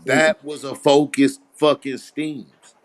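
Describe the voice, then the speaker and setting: Podcast host dude, mid voice, hypes everything up. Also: male voice, medium pitch, little pitch movement, slow pace. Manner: hyped, emphatic slang. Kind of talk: casual podcast chat.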